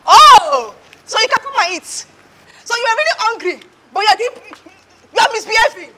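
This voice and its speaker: Playing a money-proud, hot-tempered Nigerian character for a comedy skit, a woman rants with loud outrage in a Nigerian accent, repeating indignant phrases. Her exaggerated voice is very high-pitched with big pitch swings at a moderate pace, and the recording is rough.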